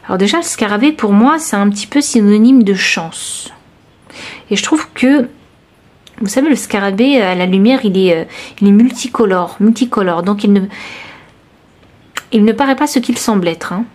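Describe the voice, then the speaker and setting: A woman's voice: medium pitch, normal speed, long pauses, a little mellow. Hesitant woman giving a tarot reading. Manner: hesitant, searching, many fillers and restarts; intimate, reassuring, addresses viewer directly. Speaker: tarot reader. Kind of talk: intuitive tarot reading to camera.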